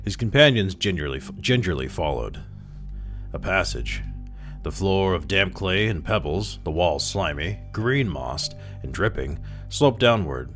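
A man calmly reading a classic short story aloud as narrator. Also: sits low, a little slow, faint music behind. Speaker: story reader.

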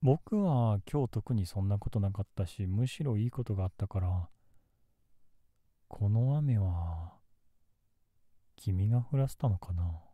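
ASMR role-play casting: male actor as tender lovelorn young man, lowish and very dark-toned, soft, intimate, dry close recording. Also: lively intonation, measured pace, long pauses, no echo. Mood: gentle, musing. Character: gentle, melancholy young man secretly in love. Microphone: close ASMR microphone in a dry space.

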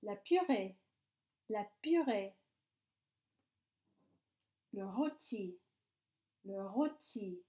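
A woman teacher reads phonics exercises aloud at a very unhurried pace, repeating every word three times. Her voice is dark and mellow, and she sounds words out syllable by syllable. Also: medium pitch, animated.

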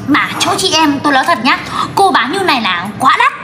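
A woman performing all the parts of a comedy skit with quick, teasing banter. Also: sits high, sing-song, echoey room, very noisy. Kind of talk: comedy skit role-play. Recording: music playing clearly behind.

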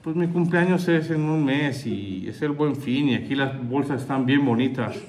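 A man voicing a chatty wife who coaxes her husband over the phone with sweet, quick requests, in a Mexican accent. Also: mid-range voice, a little mellow, natural voice. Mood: coaxing.

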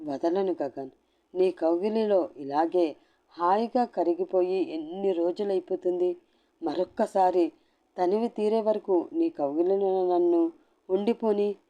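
A woman's voice: mid-range voice, expressive, moderate pace, dull audio, natural voice. A woman voicing a clingy, scheming young woman who taunts and defies in a storybook reading.

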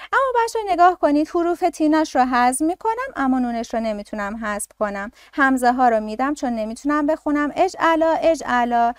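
A woman teaching a classroom grammar lesson, her voice high and bright as she walks through each rule step by step. She keeps asking questions and answering them herself. The sound is close and dry, with no room echo. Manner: explains step by step, asks and answers own questions.

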